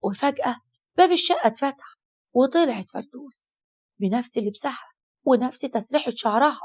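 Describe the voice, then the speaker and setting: A woman with an Egyptian accent narrating a horror story in a brisk, suspenseful way. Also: sits high, expressive, darkish tone.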